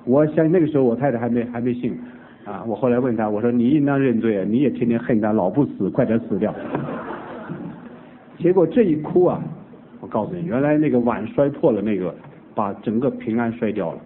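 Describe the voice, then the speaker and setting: Animated male preacher on a tinny recording. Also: mid-range voice, a little fast, slight background noise. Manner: animated storytelling, acting out family dialogue. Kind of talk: sermon testimony storytelling. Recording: tinny phone-like old recording.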